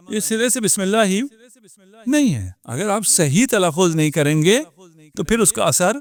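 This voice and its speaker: High-voiced cleric preaching. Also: male voice. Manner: lively, rhetorical questions to the audience. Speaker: Shia cleric. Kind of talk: sermon at a religious gathering.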